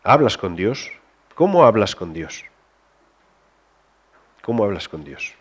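Conversational preacher, soft then rising. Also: male voice, lowish voice, sing-song, slow pace, breathy edge, muffled recording. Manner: conversational, many restarts, shifts between soft and raised. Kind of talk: sermon.

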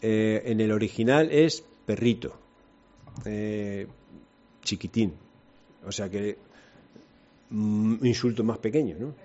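A man's voice: fairly low pitch, slow pace, pauses often, dark tone. A man giving a conversational sermon, retelling a Bible passage and asking his listeners questions. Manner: conversational, rhetorical questions, retells scripture with voices. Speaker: preacher. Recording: dull lo-fi sound.

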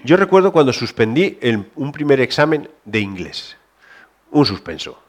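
A man from delivers a sermon in a conversational way, never quite reading a script. He stumbles and restarts often. His voice sits at an average pitch, drops to near-whispers on tender points, and climbs when he presses a question. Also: very animated, normal speed. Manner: conversational, many restarts, shifts between soft and raised. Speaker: preacher.

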